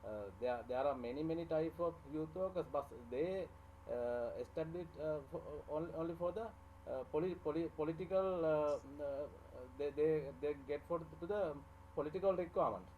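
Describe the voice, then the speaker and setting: A man from Sri Lanka asking a question on a video call in halting English, full of fillers and restarts. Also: on the high side, phone-quality sound, slight background noise. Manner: hesitant, many pauses and restarts. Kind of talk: halting non-native English with many fillers.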